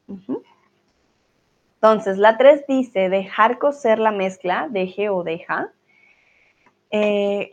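Slow, patient woman teaching online. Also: mid-range voice, a little mellow, muffled recording. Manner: patient, reads student comments aloud and corrects them. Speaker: Spanish teacher. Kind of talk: live online grammar lesson.

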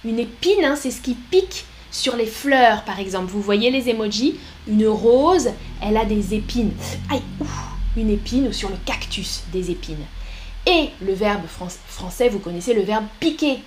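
A woman teaching a live French lesson, speaking slowly and clearly and reading out viewer comments. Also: mid-range voice, animated, slight background noise.

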